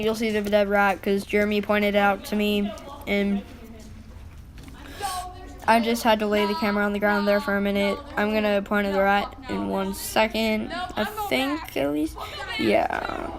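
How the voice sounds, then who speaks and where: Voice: mid-range voice, fairly even intonation, normal speed. A female-sounding voice giving informal, rambling vlog commentary over exploration footage, with mild swearing. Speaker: vlog narrator.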